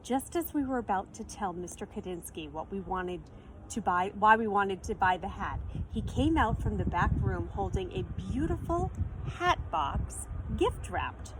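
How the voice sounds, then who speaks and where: With an animated, medium-pitched voice and an unhurried pace, a woman reads a children's picture book with plenty of expression. Like a teacher, she explains vocabulary and asks her listeners questions. Faint noise can be heard in the background.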